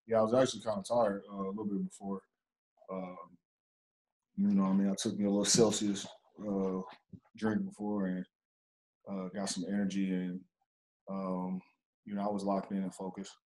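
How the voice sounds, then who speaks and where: A young man with a very low, flat voice speaks in an even, low-key way. He answers postgame questions over a video call from in front of a press backdrop. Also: normal speed, pauses often, rough recording. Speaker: basketball player at postgame press conference.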